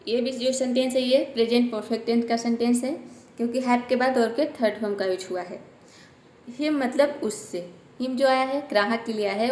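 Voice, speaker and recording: A woman teaching English word by word, slowly repeating each word with its meaning. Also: a little high, darkish tone, roomy sound, a little hiss or hum. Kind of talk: explaining English sentences word by word in Hindi.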